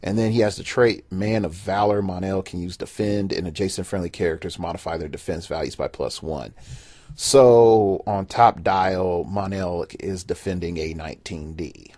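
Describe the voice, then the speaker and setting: A man's voice: low-pitched, moderate pace, darkish tone, no echo. A man hosting a podcast, giving a casual, rambling game review full of fillers. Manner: rambling, filler-heavy, enthusiastic about game stats. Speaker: podcast host. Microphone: home podcast mic.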